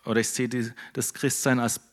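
A middle-aged man preaching a relaxed, conversational sermon and tagging his sentences with a questioning "ne?". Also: medium pitch, fairly quick. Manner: conversational, keeps adding "ne?". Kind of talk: casual sermon.

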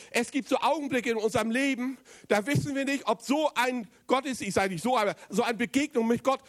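A man preaching a sermon, speaking straight to the congregation with questions and moving between loud emphatic passages and low, quiet stretches. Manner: addresses the congregation directly with questions.

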